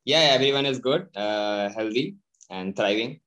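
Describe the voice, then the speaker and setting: A man's voice: mid-range voice, normal speed, a bit bright, soft background music, rough recording. Earnest Indian-accented man in a cafe. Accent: Indian English. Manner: earnest, many hesitations. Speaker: guest, cafe founder. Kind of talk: video call interview.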